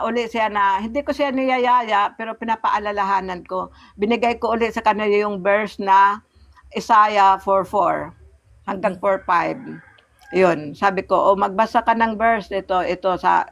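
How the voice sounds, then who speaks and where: A woman telling her personal faith testimony in conversation, earnest and halting, acting out remembered dialogue. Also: medium pitch, steady tone, fairly bright tone, lo-fi sound. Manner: earnest storytelling, often pauses and restarts; replays remembered dialogue in a raised voice. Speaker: church member giving testimony.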